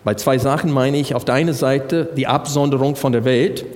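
A man with a mid-range, darkish voice preaches briskly, working through Bible verses and posing rhetorical questions to the congregation. Long hall reverb fills the recording.

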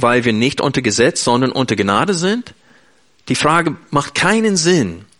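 A man's voice: medium pitch, fairly bright tone. A man preaching an earnest, emphatic sermon in German, speaking directly to his listeners.

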